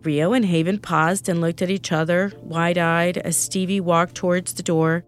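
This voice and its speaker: A woman reading a story aloud, narrating in an even, descriptive way. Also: fairly low pitch, normal speed, clean tone, soft background music. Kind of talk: scripted narration.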